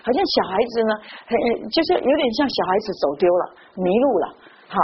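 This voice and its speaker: Woman preaching quick n chatty, higher voice, muffled recording w/ faint hiss. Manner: lively storytelling with frequent interjections. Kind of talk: sermon with personal stories.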